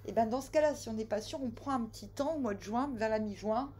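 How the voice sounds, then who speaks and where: A tarot reader, a woman, gives a relaxed reading while addressing her viewers directly, joking with them, teasing and scolding, veering between loud outbursts and quiet asides. Her voice sits slightly high and she talks quickly.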